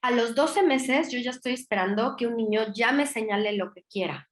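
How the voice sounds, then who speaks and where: A woman with a Mexican Spanish accent lectures to doctors in an explanatory way, tossing in quick tag questions as she goes. Her voice sits fairly high, and the recording has a noticeable echo. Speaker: lecturer on child language development. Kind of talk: virtual conference lecture.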